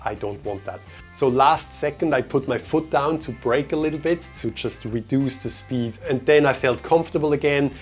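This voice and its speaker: A young man who grew up in Switzerland, telling a story in a relaxed, chatty vlog style with many fillers. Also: mid-range voice, normal speed, few pauses. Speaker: vlogger. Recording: faint music behind.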